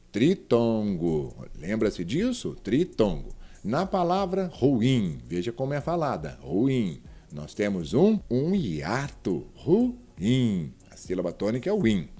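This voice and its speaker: A man with a Brazilian accent teaching a Portuguese grammar lesson. He speaks straight to the viewer and drags out example words slowly so they can be clearly heard. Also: medium pitch, dark tone. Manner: didactic, spells words out slowly and addresses the viewer directly.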